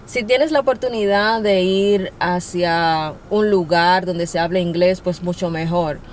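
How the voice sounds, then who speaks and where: A woman's voice: fairly low pitch, measured pace, a little hiss or hum. A young adult woman giving casual, encouraging language-learning tips as a vlogger, often laughing as she talks. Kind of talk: casual to-camera advice talk.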